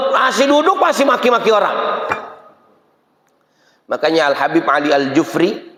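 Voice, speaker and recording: A man preaching, joking and asking the crowd questions as he goes. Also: high voice. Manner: lively and joking, asks the crowd "bener gak, Pak?". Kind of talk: mosque sermon. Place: mosque. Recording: echoey mosque hall.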